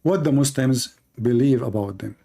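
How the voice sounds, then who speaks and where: In a warm, creaky, medium-pitched voice at a moderate pace, this religious debate host delivers polemical commentary. He is a native Arabic speaker, and his English is repetitive, emphatic and marked by non-native phrasing.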